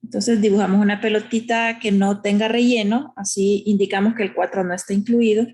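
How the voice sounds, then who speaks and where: Female math teacher, husky voice, patient, explanatory classroom delivery. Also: medium pitch, flat delivery, a little fast, darkish tone. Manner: patient, explanatory, uses diminutives, asks "¿verdad?". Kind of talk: recorded math lesson.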